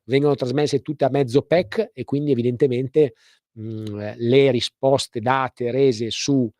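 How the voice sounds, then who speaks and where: A man hosting a live call-in radio show, explaining things informally with hesitant, pause-filled phrasing. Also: mid-range voice, fairly even intonation, a little mellow, dry recording, clean studio sound. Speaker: radio host and legal advice presenter.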